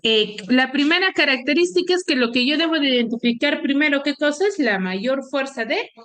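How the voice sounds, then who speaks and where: High-voiced woman teaching an online class. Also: fairly quick, fairly bright tone. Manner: quizzes students with repeated questions. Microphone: computer mic on a video call.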